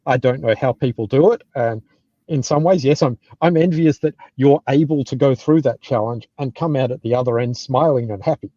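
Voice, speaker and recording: A middle-aged man with an Australian accent giving casual, blunt advice and anecdotes, sometimes halting as he thinks aloud. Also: medium pitch, dark tone, dry recording. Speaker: tech team lead giving career advice. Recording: dull, lo-fi, close dry sound.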